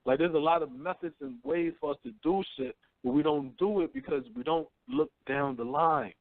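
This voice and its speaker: A man's voice: a little high, moderate pace, no room sound. A man in his thirties hosting a call-in radio show, talking bluntly and profanely, preaching and often asking "you know what I'm saying.". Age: 30s. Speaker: radio host. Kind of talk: casual call-in radio talk. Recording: tinny phone-line audio.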